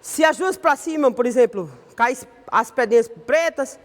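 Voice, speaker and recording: A woman's voice: high-pitched, lively intonation, normal speed, in a large hall. A woman with a Brazilian accent teaching an online Sunday school Bible lesson in a conversational way, often ending her sentences with a questioning tag. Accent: Brazilian Portuguese.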